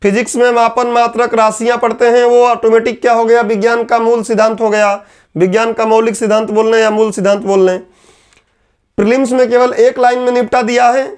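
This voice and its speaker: High-pitched guy teaching an exam-prep lecture, asks his own questions then answers them. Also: a little mellow, clear, resonant tone.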